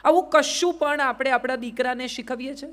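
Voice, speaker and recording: A woman's voice: high-pitched, moderate pace, a bit bright. A middle-aged woman with a Gujarati accent gives a motivational speech to a live audience. She keeps asking the crowd rhetorical questions and repeats "yes or no". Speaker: public speaker.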